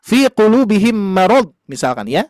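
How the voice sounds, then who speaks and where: A male Quran teacher with a fairly high voice explains slowly and patiently, dropping in fillers and little tag questions as he checks that his listeners follow. The sound is dry and close, with almost no room in it. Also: big pitch swings, no room sound. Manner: patient, explanatory, addresses parents warmly as "Ayah Bunda". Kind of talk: online class lesson.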